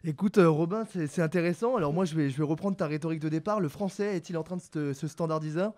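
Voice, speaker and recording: A young man in his twenties arguing his side in a student radio debate, lively and quick to slip into playful imitations. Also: fairly high pitch. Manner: lively, mock regional imitations.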